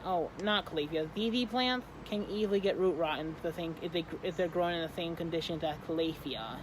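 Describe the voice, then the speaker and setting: An eighteen-year-old from Michigan hosting a casual how-to vlog, often halting and correcting themselves mid-sentence. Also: medium pitch, noisy background. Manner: halting, self-correcting, trailing off. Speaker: plant arrangement seller and video host.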